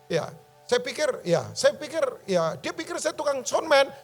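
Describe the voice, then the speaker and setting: A man preaching a sermon as pastor at a church service, in a colloquial, lively way that breaks into loud, emphatic bursts. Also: very high voice, normal speed, soft background music.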